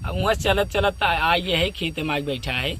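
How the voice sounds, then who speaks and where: In a comedic phone-call skit, a man with an Awadhi accent from eastern Uttar Pradesh rambles, repeats himself and complains casually. His voice sits high at a moderate pace, and he's recorded outdoors amid noisy surroundings.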